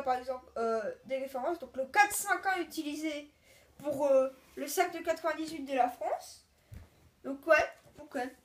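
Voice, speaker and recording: A woman hosting her own video, chatting casually and haltingly as she opens card packs and lists each one. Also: sits high, slight background noise. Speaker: video host. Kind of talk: casual card-unboxing commentary.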